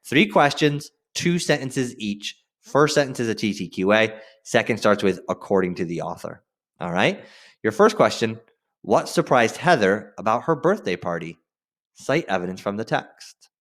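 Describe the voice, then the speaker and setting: At a moderate pace, a man teaches a screen-share lesson, his pitch swinging very lively as he hits key phrases. His style is casual but firm, and he frequently checks in with the students.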